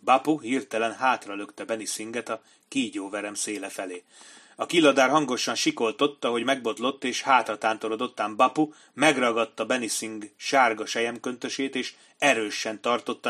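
A man reading an adventure novel aloud in a measured, dramatic narration style. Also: on the low side, fairly bright tone. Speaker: audiobook narrator. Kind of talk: scripted narration.

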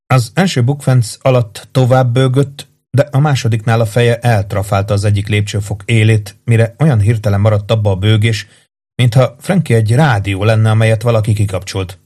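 Calm man narrating a dark story. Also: on the low side. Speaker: audiobook narrator. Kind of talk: scripted narration.

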